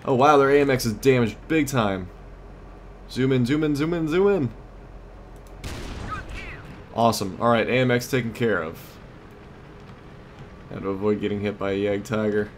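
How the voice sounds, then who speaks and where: With a mid-range voice at a moderate pace, the male host of a let's play series offers casual commentary, musing in brief tactical comments broken by long pauses. Clear background noise from a tank game carries vehicle and battle sounds.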